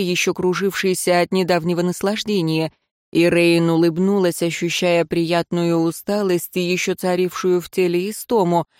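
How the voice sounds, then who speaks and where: A woman narrating an audiobook in an even, measured reading. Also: fairly low pitch, no room sound, studio quality. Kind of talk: scripted narration.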